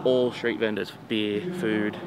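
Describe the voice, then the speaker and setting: A man's voice: on the low side, flat delivery, slow, noisy background. A man talking casually outside a stadium, explaining at length to the person filming him. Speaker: vlogger's partner. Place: outdoors at a stadium.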